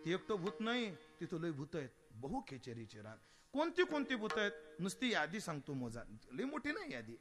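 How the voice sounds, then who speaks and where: A man preaching a devotional kirtan sermon, animated and humorous, asking rhetorical questions and breaking into sung verses. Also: high voice, fairly quick, hardly any pauses, music in the background.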